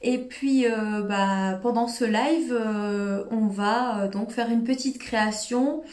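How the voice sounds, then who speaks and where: A woman's voice: fairly high pitch, slow, a little mellow. A woman with a northern French accent hosting a live crafting demo from her phone, nervous and hesitant, with many fillers. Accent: northern French, Cambrésis. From northern France. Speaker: crafting livestream host. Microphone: phone held in hand. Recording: echoey room, faint noise.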